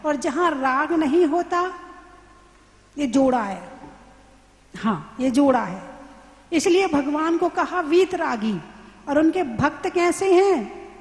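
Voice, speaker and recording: A woman, a Jain nun, giving a sermon, quizzing her listeners and answering her own questions in a slow, teacherly way. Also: high-pitched. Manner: questions the audience and answers herself; slow, teacherly explaining with examples. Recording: roomy hall with long reverb.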